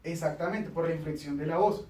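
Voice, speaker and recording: A man's voice: fairly high pitch, a little fast, warm tone, echoey room, recorded from a distance, a little hiss or hum, low-quality recording. A man hosting a casual studio chat, explaining communication tips and acting out little quoted exchanges.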